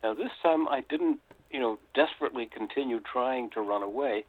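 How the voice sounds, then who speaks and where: An older American man tells his story in a reflective, unhurried way, often pausing on an "uh". His voice sits at an ordinary pitch and comes through thin and tinny, as if on a phone call. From United States. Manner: reflective, with frequent "uh" hesitations. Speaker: author and guest. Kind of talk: storytelling interview.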